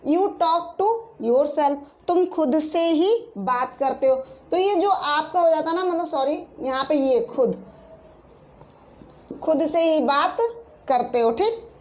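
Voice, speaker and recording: A woman with a high voice teaches a grammar lesson. She explains patiently, repeating each point and correcting her own slips as she goes. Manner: explains slowly, repeats with frequent fillers and self-corrections.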